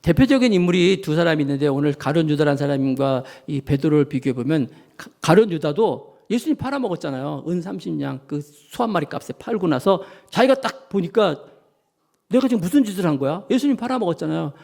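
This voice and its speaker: A male pastor with a fairly high, slightly fast voice and some vocal fry preaches a sermon with barely a pause. He tells the story vividly, acting out voices and sounds as he speaks directly to his congregation.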